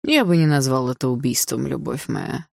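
A woman's voice: very deep voice, moderate pace, creaky, a little mellow, no echo, clean studio sound, exaggerated voice. A woman reading an audiobook, voicing a smug, possessive adult man who taunts coldly and sneers. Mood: smug menacing.

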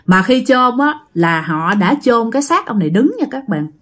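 A woman's voice: fairly high pitch, big pitch swings, normal speed. A woman with a Southern Vietnamese accent narrating a ghost story in a chatty storytelling style, often speaking straight to her listeners. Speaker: storyteller host.

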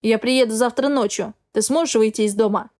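A woman voicing a determined, protective young man who speaks quickly and decisively. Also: a little high, darkish tone, lightly acted. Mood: resolute.

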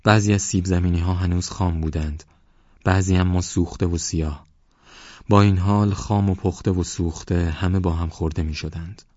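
Deep-voiced male audiobook narrator. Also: warm tone, dry recording, dull audio. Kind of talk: scripted novel narration.

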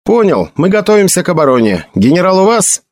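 A man's voice: high voice, sing-song, brisk, dry recording, clean studio sound, pitched above the performer's own voice. A man voicing a young guard captain barking orders in a night alarm. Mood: commanding. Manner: sharp shouted orders.

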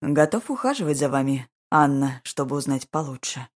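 A woman voicing a young duke in an audiobook, speaking calmly and ironically in a measured way. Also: rumbling low. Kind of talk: audiobook character voice.

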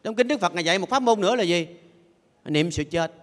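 A man's voice: high voice, expressive, fast talker. An older man, a Buddhist monk giving a playful sermon who has his audience repeat phrases after him. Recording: long echoey hall reverb.

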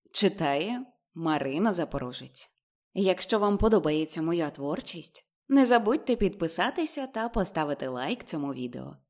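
Woman reading an audiobook, measured. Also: on the low side, darkish tone. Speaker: audiobook reader. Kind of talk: audiobook narration.

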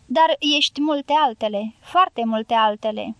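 A woman's voice: fairly high pitch, fairly bright tone, smooth, no echo. A woman reading the part of a resolute young male dynamiter in an audiobook, speaking firmly and steadily.

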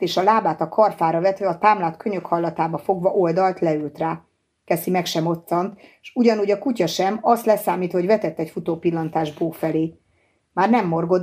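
A woman narrates a novel for an audiobook in a calm, measured way. Her voice is low, dark and mellow, with a slightly husky edge. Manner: steady, measured storytelling.

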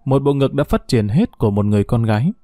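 Mellow calm male storyteller. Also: medium pitch, fast talker, dry recording, clean studio sound. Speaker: narrator. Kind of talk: first-person story narration.

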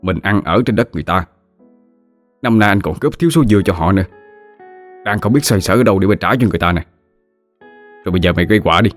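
A man voicing an anxious elder brother, a poor farmer who urges in a hushed way. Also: low voice, lively intonation, fast talker, long pauses, soft background music. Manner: hushed, urging.

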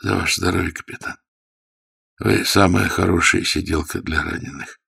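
A man voicing a wounded, dying captain who speaks quietly and scornfully in a weak, breathy voice. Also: deep voice, fairly even intonation, normal speed, full character voice. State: weak and fading.

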